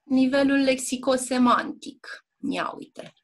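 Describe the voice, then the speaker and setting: A woman teacher giving a one-on-one exam prep lesson, explaining patiently and often checking in with her student, with hesitant fillers. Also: high-pitched. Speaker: Romanian language and literature teacher. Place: indoor classroom or tutoring room.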